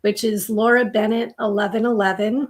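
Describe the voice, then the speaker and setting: A woman's voice: mid-range voice, steady tone, moderate pace. A woman tarot reader talking casually on a live stream, with her voice slightly giving out.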